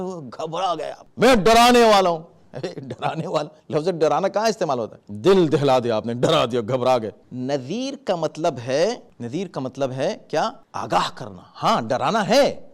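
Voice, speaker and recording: A middle-aged man explaining Quran verses in sermon style, animated and acting out warning calls in his examples. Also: fairly high pitch. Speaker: Islamic scholar giving Quran commentary.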